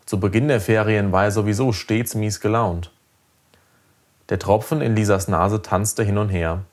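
A man narrating a children's story aloud in a lively, expressive way. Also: lowish voice, moderate pace. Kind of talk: audiobook storytelling.

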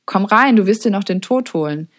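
A woman reading an audiobook, voicing a calm father who speaks quietly and teases gently. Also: mid-range voice, fairly quick, close to an everyday voice. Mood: serious. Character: calm, dryly joking adult father.

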